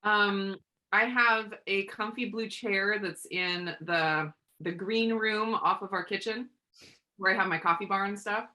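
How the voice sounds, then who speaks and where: A woman in casual chat among friends, speaking in a measured, unhurried way. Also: mid-range voice, sharp tone.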